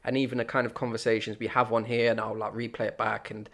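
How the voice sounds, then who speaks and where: Young guy chatting on a podcast, talks quick, animated and rambly. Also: medium pitch. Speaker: podcast co-host. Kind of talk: casual chat.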